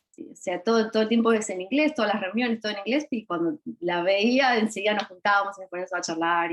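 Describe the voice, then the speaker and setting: A woman from Argentina with an Argentine Spanish accent, in her thirties. She speaks on a video call as a panelist. Her talk is shy and halting, full of fillers and restarts. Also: mid-range voice, muffled recording. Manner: shy, hesitant, many fillers.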